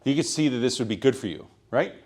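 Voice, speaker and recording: A man giving a sales training talk at a meeting, projecting loudly and checking in with "right?" after his points. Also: medium pitch, lively intonation, fast talker, husky. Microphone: room microphone.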